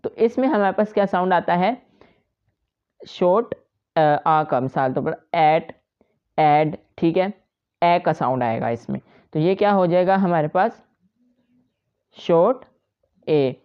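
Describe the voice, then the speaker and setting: A woman with a lowish, smooth, resonant voice talks students through a shorthand lesson. She explains each outline patiently and repeats herself often. The recording sounds a little dull and lo-fi. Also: slow pace, pauses often. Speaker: shorthand teacher. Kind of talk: step-by-step tutorial.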